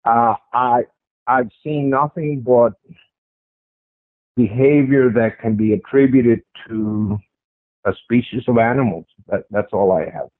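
This is a man with a strong, mid-range voice speaking slowly, with no room sound, as he tells an interviewer about something he saw firsthand. His delivery is conversational, and he repeats phrases for emphasis. The audio has the tinny quality of a phone-like radio line.

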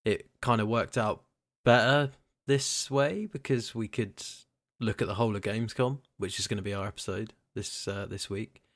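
A man's voice: on the low side, normal speed, no room sound, studio quality. A man hosting a casual gaming podcast, chatting and laughing easily with his co-host. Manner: laughs often, relaxed banter. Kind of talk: casual chat.

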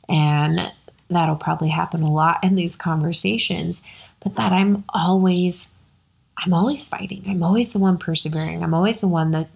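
A woman talks through a personal story for her podcast, circling back on words and leaning on casual fillers. Her voice sits a little low and carries a gravelly, fry-edged texture. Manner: earnest, repetitive, conversational with many fillers. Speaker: podcast host.

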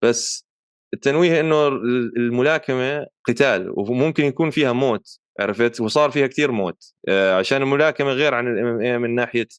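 A man's voice: mid-range voice, fast, clean tone, no room sound, studio quality. A man with a Levantine Arabic accent explaining things casually as a podcast co-host, dropping in English terms as he talks.

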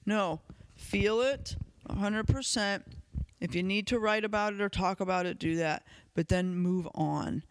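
A man's voice: sits high, measured pace, clear, resonant tone, no echo. A man hosting a podcast, talking candidly through a reflective self-help monologue, casual and conversational with fillers and the odd swear word. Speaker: podcast host.

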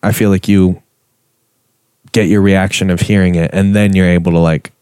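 A young man talks in a low, easygoing voice, rambling through his thoughts and swearing now and then. The recording is close and dry, with no room echo. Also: little pitch movement, normal speed, a little mellow, clear, resonant tone. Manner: laid-back, rambling, swears casually. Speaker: podcast co-host. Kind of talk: casual podcast chat.

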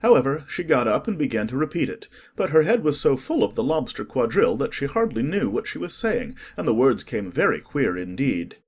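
Husky, expressive male storybook narrator. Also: mid-range voice, fairly quick, hardly any pauses. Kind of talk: scripted audiobook narration.

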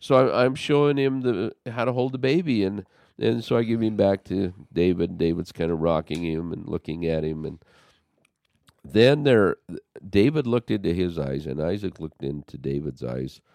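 A man's voice: low-pitched, moderate pace, gravelly, no room sound. A man hosting a conversation, telling a personal story with animation and acting out what people said. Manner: animated storyteller, acts out quotes.

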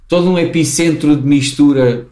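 A man's voice: fairly high pitch, moderate pace, warm tone. A man with a Lisbon Portuguese accent telling anecdotes in casual, slangy, sweary chat. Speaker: podcast guest or co-host. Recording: echoey room.

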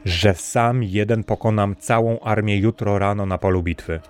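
A gentle, earnest young prince, as a male narrator reads him, speaking calmly and with courtesy. The voice sits deep and low. Faint music plays behind this storybook reading. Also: moderate pace, natural voice. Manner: calm, courteous and sincere.

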